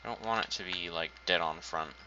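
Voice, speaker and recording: Speaking a little fast, this man has a low voice that sounds pushed and bright, with slight background noise. He's a gaming channel host doing relaxed let's-play commentary, musing aloud while building and making dry jokes at his own expense, captured on a dull lo-fi home recording.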